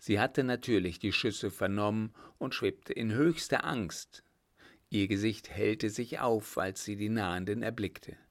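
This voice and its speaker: A man narrates a classic adventure audiobook in a low, steady voice. His delivery is measured and even, reading the story at a calm storytelling pace.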